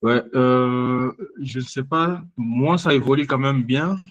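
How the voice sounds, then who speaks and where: A man's voice: medium pitch, slow, dry recording, highs cut off. A man, a student in an online class, asks his question hesitantly with many fillers.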